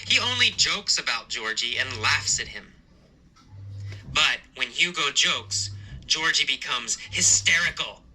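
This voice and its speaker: A male teacher telling a story as a lesson, asking simple questions and answering them himself, slowly and with emphasis. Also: mid-range voice, animated, bright, forceful tone, a little hiss or hum, poor audio. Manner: slow, repetitive, emphatic questioning. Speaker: English teacher.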